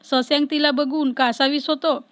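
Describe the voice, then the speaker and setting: The voice sits high for a woman, and she keeps her narration steady and even. The sound is dry and close, with no room in it. She tells the story in a plain scripted manner. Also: moderate pace, no room sound. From Maharashtra, India.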